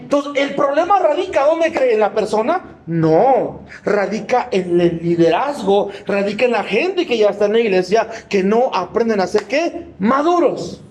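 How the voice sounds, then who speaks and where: A man's voice: high-pitched, sing-song, normal speed, few pauses, darkish tone. A man preaching a sermon in a church, emphatic and humorous, often asking the congregation yes-or-no questions and mimicking people.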